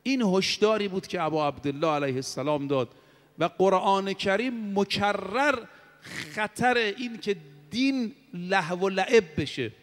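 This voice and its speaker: High-voiced preacher in an echoing hall. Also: male voice, animated. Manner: preaching, drawn-out chanted Arabic quotations. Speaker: cleric preacher. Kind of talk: sermon. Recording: long hall reverb.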